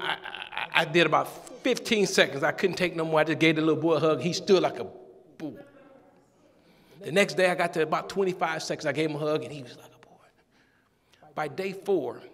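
A man preaching a sermon, telling a story with humor and animated call-and-response. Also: fairly high pitch, a little fast. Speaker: pastor. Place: church sanctuary. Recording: long church-hall reverb.

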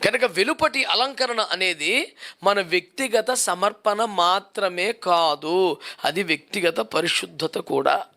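A man's voice: high-pitched, takes it slowly, bright, forceful tone. A male pastor preaching a sermon, driving his points home with repeated rhetorical questions.

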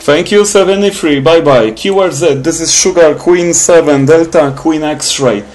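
An amateur radio operator makes clipped, repetitive contact calls using phonetic call signs. His voice is fairly high and a little slow, heard in a noisy room with radio static.

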